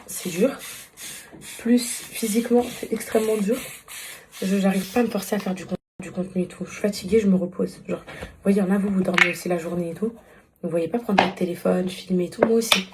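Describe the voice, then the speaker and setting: A young woman talks into her phone at home, sounding worn out and sleepy. Her voice is mellow and warm, and she rambles fondly to her followers, trailing off with fillers. A faint hum of the room sits behind her. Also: mid-range voice, fairly even intonation, brisk. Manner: chatty, addresses viewers fondly, trails off with fillers. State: tired. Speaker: vlogger. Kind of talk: casual chat to camera.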